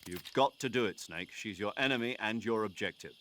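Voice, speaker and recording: Man playing stern, low-voiced military commander. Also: brisk, a bit bright, a little hiss or hum, close to an everyday voice. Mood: firm, urging. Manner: firm, urgent, authoritative. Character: stern, earnest male military commander advising by radio. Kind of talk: video game voice acting.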